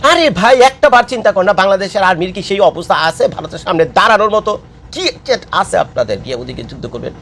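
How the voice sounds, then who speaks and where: A man's voice: high-pitched, expressive, fast, a bit bright, a little hiss or hum. A man, delivering an impassioned political monologue, lecturing and scolding his listeners and repeating his points. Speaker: political commentator. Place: living abroad.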